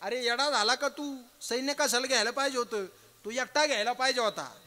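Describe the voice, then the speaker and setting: A man's voice: extremely high pitch, a little fast, bright, forceful tone, in a large hall. A man voicing a sly, scheming uncle in a retold epic story, scolding his nephew.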